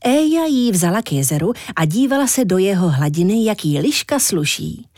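A woman narrating a children's story in an expressive, animated storybook reading. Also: medium pitch, dry recording, clean studio sound.

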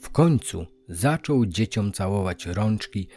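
Low-voiced man reading a fairy tale. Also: soft background music. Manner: calm, measured storytelling. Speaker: narrator. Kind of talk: scripted fairy-tale narration.

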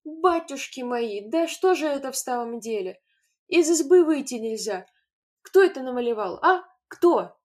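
A woman voicing a hot-tempered but kind village mother in a storybook reading, with loud outcries and a husky voice. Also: on the high side, animated, normal speed. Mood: scolding.

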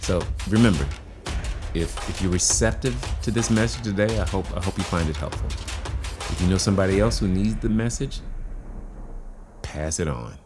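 A man's voice: sits low, moderate pace, pauses often, over music. A man giving a motivational monologue, asking rhetorical questions and repeating key phrases in a preachy way. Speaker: motivational speaker.

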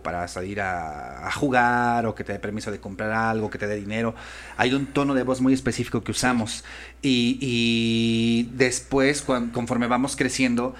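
A man's voice: mid-range voice, fairly even intonation, normal speed, fairly bright tone. A man, a voice-over artist and voice coach, chatting thoughtfully and restarting often as he searches for words. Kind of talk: casual conversation.

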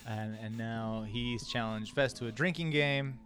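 A man's voice: mid-range voice, unhurried, a bit bright, soft background music. A man playing a tabletop game, casually telling comic stories about his characters.

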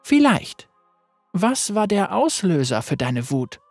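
Stern veiled spirit lady, narrator doing her, cold and piercing, husky dry voice. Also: mid-range voice, very animated, slow pace, darkish tone, no room sound, soft background music, full character voice. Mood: probing. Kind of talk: read-aloud storytelling.

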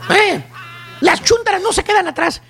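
A man's voice: very high voice, normal speed, gravelly, sharp tone, soft background music, some chatter behind. A man with a Mexican accent doing a mocking comic monologue on a morning radio show, throwing "güey" into nearly every line. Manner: mocking, teasing, peppers lines with "güey". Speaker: comedy segment performer on a morning radio show.

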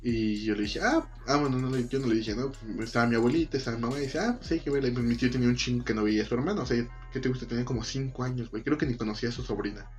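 A man's voice: medium pitch, very fast, few pauses, faint music behind. A young man with a Mexican Spanish accent, casually telling a story full of profanity and acted-out quotes. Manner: profane, slangy, animated retelling with acted quotes.

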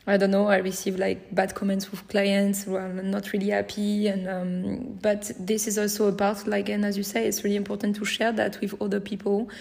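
A woman with a French accent, speaking English as a second language, chatting as a podcast guest and often pausing with fillers while she looks for words. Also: mid-range voice, vocal fry, a little mellow. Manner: hesitant, searching for English words with many fillers. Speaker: podcast guest, small business owner. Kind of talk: casual interview chat.

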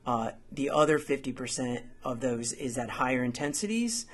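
Male podcast coach, mid-pitched and a touch husky, upbeat and orderly advice-giver with an explanatory delivery. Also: animated. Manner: organized, explanatory, measured. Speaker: podcast host and endurance coach.

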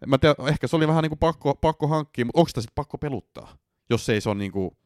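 A man argues in a heated podcast debate, his pitch climbing sharply as he pushes back and dropping low on his trailing fillers. He swears freely and keeps a loose, conversational flow. The recording is dry and close. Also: no room sound. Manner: animated, swearing, frequent "tiiäks" fillers, pitch jumping up when arguing. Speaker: podcast co-host.

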